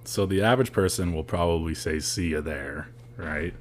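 Low-voiced young American man chatting. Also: moderate pace, a little hiss or hum. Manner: slangy, profane, informal. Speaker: podcast co-host. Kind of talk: casual chat.

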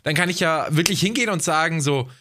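Young male co-host, thoughtful and explanatory, bright, crisp timbre, a little high. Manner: thoughtful, explains with examples and quick asides. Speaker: podcast co-host. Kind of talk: casual podcast chat.

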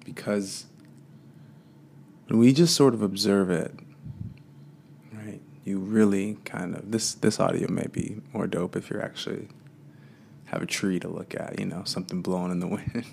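A man's voice: low voice, fairly even intonation, moderate pace, gravelly, long pauses, darkish tone, a little hiss or hum. A man giving a casual, meandering spiritual talk, full of fillers and loose asides.

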